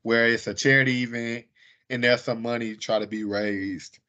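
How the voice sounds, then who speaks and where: A man's voice: mid-range voice, fairly even intonation, moderate pace, pushed and bright. A man hosting a casual chat show, talking loosely and often checking in with his co-host. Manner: loose, chatty, often asks "you get what I'm saying?". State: hiccuping from wine. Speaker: podcast host. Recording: dull lo-fi audio.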